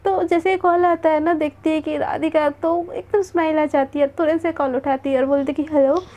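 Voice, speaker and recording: High, mellow woman telling a story casually. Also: steady tone, normal speed. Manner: chatty, relaying dialogue with "then she says".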